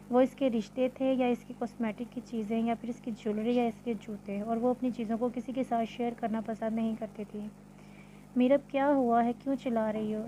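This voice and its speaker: A woman narrating a novel in a steady, measured storytelling manner. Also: on the high side, a little hiss or hum, low-quality recording. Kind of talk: novel reading.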